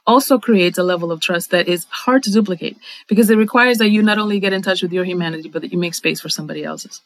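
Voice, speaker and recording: In a reflective conversational interview, a middle-aged woman from the Dominican Republic talks quickly in a fairly low voice. She is thoughtful and articulate as a guest, yet uses many fillers and restarts, and the recording is dry.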